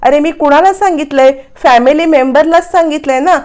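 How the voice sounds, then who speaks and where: A woman's voice: high-pitched, normal speed, a little mellow, pitched above the performer's own voice, close to an everyday voice. Brief: indignant young wife, rising questions, put on lightly by a woman narrator. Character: quarrelsome young wife defending herself.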